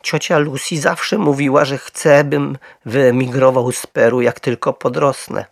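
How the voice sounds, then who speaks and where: A man voicing a small, polite male bear who speaks quietly and clearly with great dignity. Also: mid-range voice, flat delivery, measured pace, dry recording, pitched above the performer's own voice. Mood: earnest.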